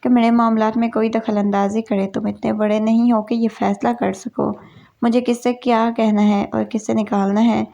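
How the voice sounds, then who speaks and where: A woman's voice: a little high, flat delivery, gravelly, dark tone, muffled recording. A woman voicing a curt, short-tempered middle-aged businessman father in a narrated story. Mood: stern.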